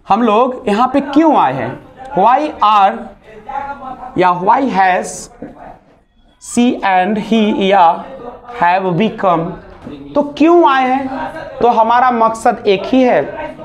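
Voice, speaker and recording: His voice sits high as this man leads a basic spoken English lesson in a classroom. He models sounds out loud, slips English phrases into what he says, and poses rhetorical questions.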